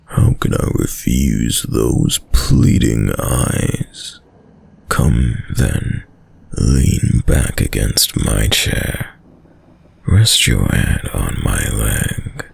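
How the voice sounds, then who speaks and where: In an intimate audio roleplay, a man plays a sadistic, dominant vampire, speaking slowly in a deep, breathy voice that is commanding, silkily menacing and condescendingly tender, often dropping to whispers. The exaggerated voice is captured dry on a close studio microphone.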